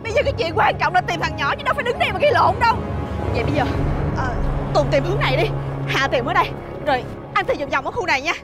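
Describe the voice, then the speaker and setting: A woman's voice: very high voice, big pitch swings, very fast, over loud music. An actress with a Southern Vietnamese accent playing a worried, protective single mother in a TV family drama. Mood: urgent. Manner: urgent, pleading, then firm and cool. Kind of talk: television drama acting.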